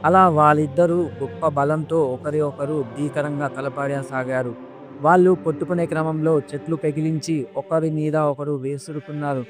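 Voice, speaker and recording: A man narrating a mythological story in a steady, scripted reading. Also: fairly high pitch, normal speed. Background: faint background music.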